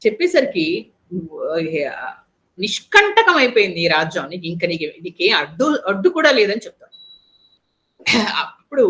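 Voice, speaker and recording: A woman's voice: medium pitch, a bit bright. A woman storyteller retelling an epic in a chatty way, speaking straight to her listeners and restarting words mid-sentence. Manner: conversational, addresses listeners directly, restarts mid-word.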